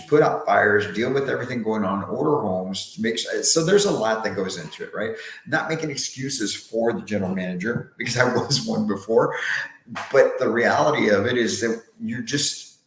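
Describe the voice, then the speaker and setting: A man hosting a live sales training session, talking upbeat from a bare, unfurnished office that echoes, often restarting words and asking "right?". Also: lowish voice. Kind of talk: live motivational sales talk. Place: brand-new empty, unfurnished office. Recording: echoey bare empty room.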